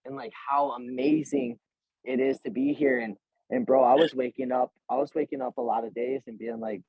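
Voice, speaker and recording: A man's voice: mid-range voice, lively intonation, moderate pace, vocal fry, husky, no room sound. A man in his twenties, a pro fighter being interviewed, talking in a slangy, earnest way with lots of swearing and "bro", acting out both sides of past talks. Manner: slangy, swears freely, says "bro" a lot; retells scenes by voicing both sides of the talk. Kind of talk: casual interview talk. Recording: dull, lo-fi, dry sound.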